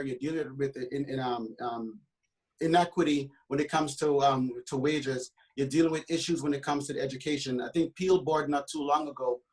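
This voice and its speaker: A realtor from Trinidad and Tobago speaks passionately on a panel discussion, his mid-range voice full of fillers and restarts. The audio quality is poor.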